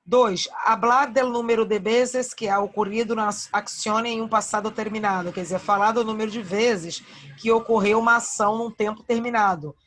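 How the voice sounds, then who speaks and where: A woman's voice: fairly high pitch, steady tone, moderate pace, fairly bright tone. A woman teacher with a Brazilian Portuguese accent takes an online class through verb conjugations one by one. She speaks patiently and repeats each form. She checks in often with short questions to her students. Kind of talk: online Spanish grammar lesson.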